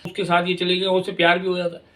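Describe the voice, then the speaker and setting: A man's voice: sits high, monotone, fast talker, sharp tone. A man hosting a channel, giving a rambling, repetitive, opinionated commentary on a television drama. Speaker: drama reviewer, channel host. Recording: voice a little far from the mic.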